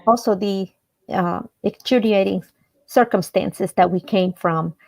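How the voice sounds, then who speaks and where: A woman from El Salvador, guesting on a radio interview, tells her life story earnestly and in a measured way, hesitating at times. Her voice is medium-pitched and darkish, with some vocal fry.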